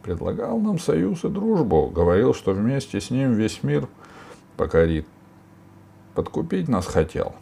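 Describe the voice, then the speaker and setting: A man's voice: medium pitch, very animated, unhurried, warm tone, a little hiss or hum, pitched above the performer's own voice. A man voicing a sly, falsely polite robber chief who plays innocent. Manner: feigned innocence, smooth.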